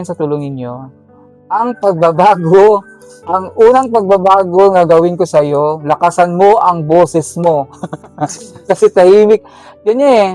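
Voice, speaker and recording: A woman's voice: on the low side, darkish tone. A woman running a charity vlog, firmly coaching a shy student to speak up, in a motherly, lecturing way. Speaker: charity vlogger handing out school allowance. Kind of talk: coaching, animated casual talk.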